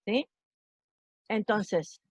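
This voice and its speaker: A woman's voice: medium pitch, very slow, slightly rough, no room sound. A woman teaching an online English class, explaining sounds patiently and checking understanding often.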